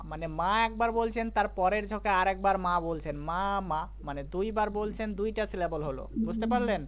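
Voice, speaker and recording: A man's voice: high-pitched, brisk, slight background noise. A man teaching a live online grammar class, explaining patiently step by step and quizzing his students.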